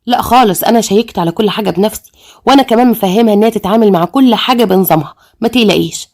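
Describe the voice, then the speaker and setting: A woman's voice: mid-range voice, rapid-fire, lightly acted. A woman voicing a proud, easygoing middle-aged father in an Egyptian accent, speaking plainly and reassuringly.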